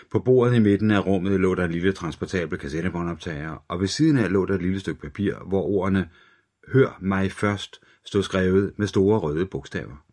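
A man reading a crime thriller audiobook aloud in a steady, dark storytelling manner. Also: sits low. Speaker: audiobook narrator. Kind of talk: scripted thriller narration.

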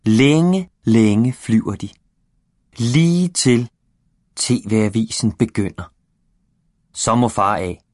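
A man reading a children's storybook aloud in a gentle, expressive way. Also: mid-range voice, long pauses, no echo, clean studio sound. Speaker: reader. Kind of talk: storybook narration.

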